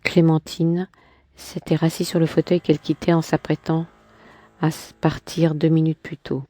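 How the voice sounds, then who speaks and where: A woman reading a novel aloud in a measured literary manner, sometimes stopping to restart a line. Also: low voice, flat delivery, mellow, no echo.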